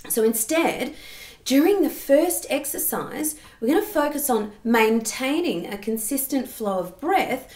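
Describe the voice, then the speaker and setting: A woman's voice: high-pitched, expressive, a little slow, a little mellow. A woman giving a singing lesson, explaining technique and demonstrating sounds. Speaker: singing teacher. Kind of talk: vocal lesson. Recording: roomy echo.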